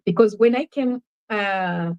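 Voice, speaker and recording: The audio is dull, and the woman takes her time, her medium-pitched voice carrying a Ugandan accent. Originally from Uganda, she earnestly and thoughtfully recounts her own life as a guest in a conversational interview.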